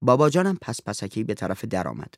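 A man narrating a story in an expressive reading voice. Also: lowish voice, no echo, studio quality.

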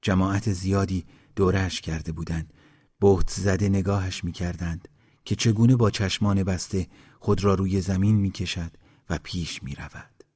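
A man reading a story aloud in a calm, measured way, giving each villager a voice. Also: sits low, breathy edge. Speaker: narrator.

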